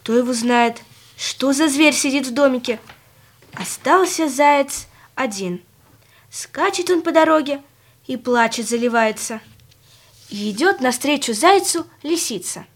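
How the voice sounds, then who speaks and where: A woman narrating a children's fairy tale in a gentle, expressive storytelling manner. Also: high-pitched, unhurried.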